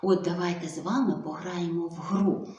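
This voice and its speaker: A woman speech therapist giving a video lesson to young children, slow and coaxing, full of sing-song diminutives. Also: lowish voice, fairly even intonation, dark tone, dull audio. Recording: echoey room.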